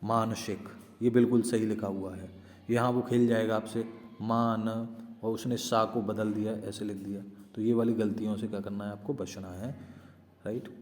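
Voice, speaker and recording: A man's voice: lowish voice, little pitch movement, moderate pace, a little mellow, big-room sound. A man teaching an exam-prep spelling lesson, explaining step by step and often asking and answering his own questions.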